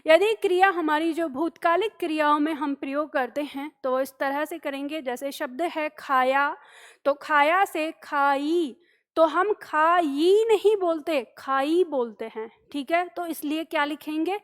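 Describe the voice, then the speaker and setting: A woman's voice: high-pitched, measured pace. A woman teaching a grammar lesson, patiently explaining rules, repeating example words and checking in with her students.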